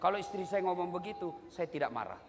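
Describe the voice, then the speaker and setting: High-voiced man preaching in an echoey hall. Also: fast talker, creaky. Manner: playful, teasing the audience, swings between soft asides and loud bursts. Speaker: Islamic preacher. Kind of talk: humorous sermon to a crowd. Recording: echoey hall with steady background noise.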